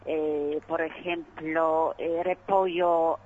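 A woman from Poland with a Polish accent, a non-native speaker in a radio interview, haltingly searching for words. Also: low-pitched, little pitch movement. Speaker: ambassador being interviewed. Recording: dull, noisy phone call.

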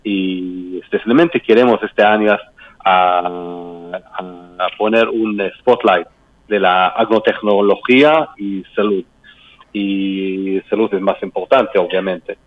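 A man gives interview answers at a very slow pace, hunting for each word as a non-native speaker with a foreign accent. His voice is on the low side, and the sound is dry and band-limited, like radio. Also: no echo, muffled recording. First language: not a native Spanish speaker. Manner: halting, searching for words. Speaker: embassy political adviser being interviewed.

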